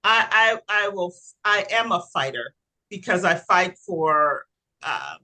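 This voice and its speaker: A woman's voice: fairly low pitch, slow, poor audio. A woman co-hosting a podcast and working as a coach, chatting expressively and laughing as she talks. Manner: expressive, laughs while talking. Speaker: podcast co-host, life coach. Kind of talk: casual chat.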